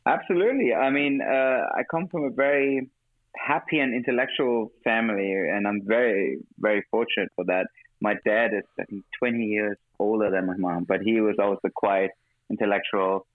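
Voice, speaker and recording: A man's voice: lowish voice, normal speed, no echo. A man from Germany with a German-tinged, mixed international accent, a guest talking openly in an interview and laughing often. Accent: German-tinged mixed international English. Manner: laughs often, relaxed and open. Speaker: guest, music director. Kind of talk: interview conversation. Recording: dry tinny phone-like line.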